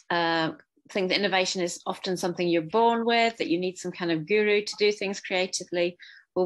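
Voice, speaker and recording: Female trainer, lower pitch, articulate and measured, video-call sound. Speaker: training company co-founder. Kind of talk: self-introduction on a group call.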